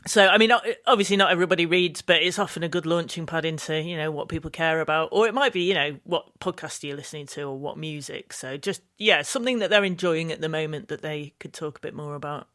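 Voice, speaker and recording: A woman who is a returning podcast guest, joining by video call and talking in a lively, playful way. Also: deep voice, fast, hardly any pauses. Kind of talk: casual podcast chat.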